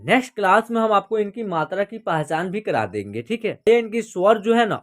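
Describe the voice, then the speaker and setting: A man teaching Hindi reading and writing in a slow, patient classroom manner, repeating each letter and asking questions. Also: high voice, lively intonation.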